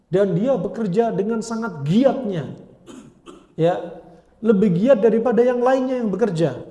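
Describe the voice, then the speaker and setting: Man, Islamic lecture, colloquial storytelling, Arabic phrases, mellow tone, echoey. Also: high voice. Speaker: preacher.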